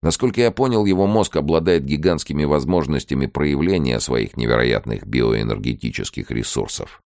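A man's voice: extremely low pitch, lively intonation, moderate pace, a little mellow, dry recording, clean studio sound. A man voicing an earnest male professor in an audiobook, speaking persuasively and eagerly. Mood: pleading.

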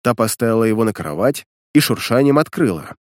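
A man calmly reading a first-person audiobook, narrating the story and the hero's lines. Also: mid-range voice, fairly quick, dry recording, studio quality.

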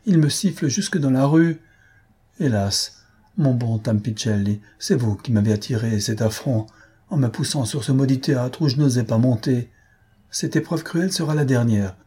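A man's voice: mid-range voice, moderate pace, mellow, husky. A man reading aloud and voicing a distraught young woman actress, speaking in a raised, indignant way.

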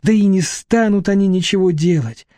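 A man's voice: high-pitched, normal speed, dark tone, no echo, studio quality, voice pushed up, close to an everyday voice. A man reading an audiobook, voicing a timid young woman who talks in a plaintive, pleading way. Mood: agitated. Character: timid young woman, fearful and self-pitying.

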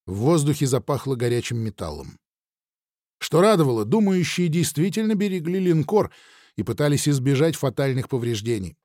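Animated male audiobook narrator. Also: medium pitch, moderate pace, no echo, clean studio sound. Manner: expressive, dramatic reading. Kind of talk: first-person audiobook narration.

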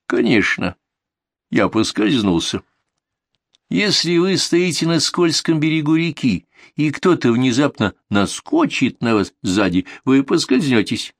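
A gloomy, dignified old donkey from a storybook, as a man reads him, slow and glum in his reasoning. The voice sits a little above the reader's own and moves a lot. It is heard dry and close. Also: medium pitch, very animated, dry recording, pitched above the performer's own voice. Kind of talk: audiobook reading.

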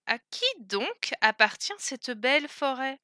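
A woman voicing a spoiled young princess who speaks in a high, lamenting, fussy way. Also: slow, sharp tone, no room sound, studio quality, heavily acted. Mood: plaintive.

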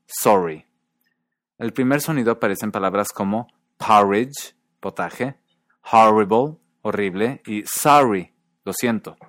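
Guy with a lowish voice explaining things clearly, repeats words slow to show the sounds, dry close sound. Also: no room sound. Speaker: podcast host. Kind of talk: scripted educational narration.

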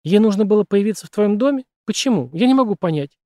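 A man's voice: sits high, expressive, fast, darkish tone, no echo, studio quality, pitched above the performer's own voice. A man reading an audiobook, voicing a frightened young woman in a raised, strained, pleading voice.

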